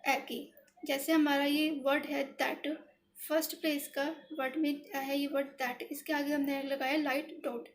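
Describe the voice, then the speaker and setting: A woman's voice: high voice, little pitch movement, a little slow. A woman teaching shorthand step by step, patient and repetitive, talking aloud as she writes, with English words in an Indian accent. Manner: repetitive, patient, thinking aloud while writing. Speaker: shorthand tutor. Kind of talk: step-by-step tutorial explanation.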